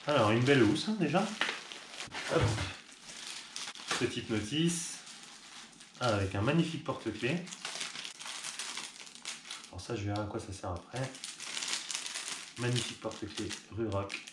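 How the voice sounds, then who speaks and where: A man's voice: mid-range voice, a little slow, long pauses. A man who runs an online shop, chatting casually and upbeat with fillers as he unboxes a product. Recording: echoey room with clear background noise.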